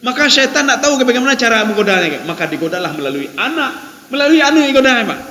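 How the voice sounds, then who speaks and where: Male Islamic preacher, Acehnese accent, high voice, talks straight to the congregation, echoey mosque hall. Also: big pitch swings, quick pace, bright, forceful tone. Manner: peppers lines with direct address to listeners, repeats phrases. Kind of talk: conversational sermon.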